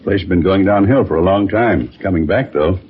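An actor playing a washed-up older movie producer in a vintage crime drama, boastful and evasive in a forced casual manner. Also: male voice, low-pitched, brisk, close to an everyday voice. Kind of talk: 1950s crime drama acting. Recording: muffled vintage radio recording with noise.

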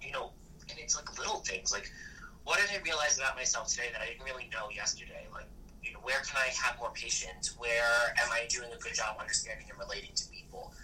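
Guy in his early 30s, super bright sound, kinda far from the mic w/ faint hiss. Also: medium pitch, fast. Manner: chatty, animated storyteller with frequent "like". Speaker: actor and photographer. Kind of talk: casual conversation.

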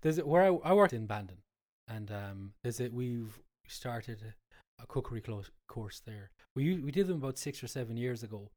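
With a Cork accent and a nose blocked by a cold, an Irish cook who runs cookery classes talks as a guest in a mid-range, animated, slightly mellow voice at normal speed. His casual explanations tend to repeat the same points.

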